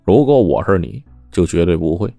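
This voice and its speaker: A sly, ruthless mine boss who wheedles and gloats, his voice rising and falling a lot, as a man puts him on in a told story. The tone is dark and mellow, and the recording is dry and close with faint music underneath. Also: deep voice, big pitch swings, normal speed, creaky, no echo, full character voice. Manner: oily, smug and wheedling. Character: scheming, ruthless middle-aged male mine boss.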